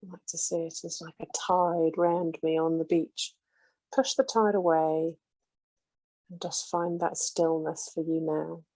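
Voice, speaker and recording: A deep-voiced woman eases listeners through a meditation, speaking slowly and soothingly with a mellow, slightly breathy quality. Her delivery is flat, barely rising or falling. It's a close, dry, rough recording.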